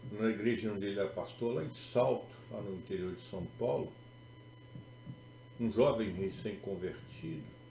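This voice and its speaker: A Brazilian man preaches with emphatic repetition and sarcasm. His voice is gravelly and mellow, with a lively rise and fall. The sound is roomy, with faint music behind him. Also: mid-range voice, slight background noise. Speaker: pastor. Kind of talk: sermon. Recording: echoey room with faint music.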